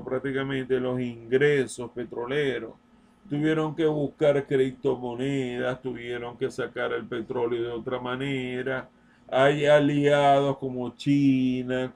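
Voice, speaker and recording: Male commentator, very slow measured delivery, insistent and repetitive, mid pitch. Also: a little mellow. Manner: slow, deliberate, repeats points emphatically; addresses listener directly, insistent. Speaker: political commentator. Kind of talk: open-letter political monologue.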